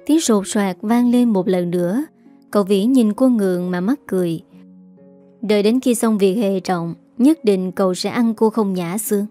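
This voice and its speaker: A woman narrating a romance story in a calm, steady reading voice. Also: medium pitch, normal speed, soft background music. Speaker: story reader.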